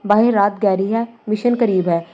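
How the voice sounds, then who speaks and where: A stern young clan leader gives hushed but firm orders, read by a woman narrator. Her tone stays mellow and dark. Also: medium pitch, fairly even intonation, natural voice.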